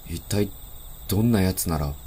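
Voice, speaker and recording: A man narrating a first-person horror story in a deliberate, suspenseful way. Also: low voice, warm tone, slight background noise. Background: background music.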